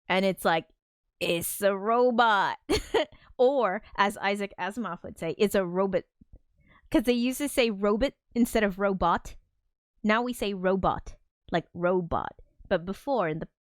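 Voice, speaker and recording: A woman's voice: medium pitch, dry recording, studio quality. A woman hosting a casual livestream, chatting loosely about an old film, reading out viewer comments and laughing often. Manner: reads out viewer chat comments. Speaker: livestream host.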